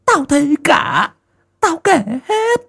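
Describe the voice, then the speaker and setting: A man putting on a shrill, fierce old mother. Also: big pitch swings, takes it slowly, vocal fry, bright, forceful tone, heavily acted. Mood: furious. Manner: shrill, scolding, wailing.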